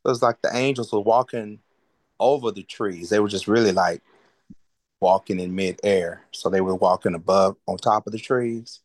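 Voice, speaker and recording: A man asking the pastor a curious, halting question at a church Bible study. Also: on the low side, no room sound.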